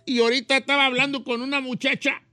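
A man's voice: very high-pitched, little pitch movement, bright, forceful tone, no echo. Man doing a folksy old radio host. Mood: teasing. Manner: drawn-out, melodramatic, rustic phrasing. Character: folksy elderly Mexican man, theatrical and teasing. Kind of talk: comedy radio banter.

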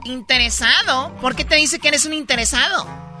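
A woman's voice: high voice, normal speed, natural voice. A woman voicing a sarcastic schoolteacher who teases and scolds her pupils, with music under her voice. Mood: teasing. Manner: teasing, scolding.

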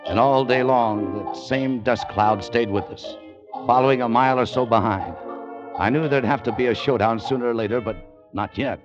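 A man's voice: medium pitch, moderate pace, natural voice. An actor playing a laconic, wry American adventurer who narrates his own story in a 1940s radio drama. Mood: brooding. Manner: laconic, wry, hard-boiled. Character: American adventurer, dry and wary. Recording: lo-fi old radio broadcast with music bed.

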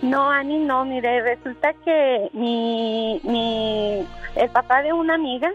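A woman's voice: a little high, slow, lo-fi sound, faint music behind. A woman calling in to a radio show, telling a rambling anecdote. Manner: chatty, rambling storyteller with restarts. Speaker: caller. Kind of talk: telling an anecdote on a phone call.

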